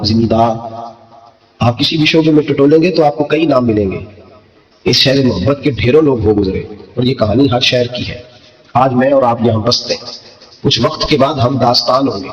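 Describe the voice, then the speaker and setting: A man preaching a sermon, impassioned and emphatic, climbing to high fervent peaks. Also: dull audio. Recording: echoey hall with long reverb.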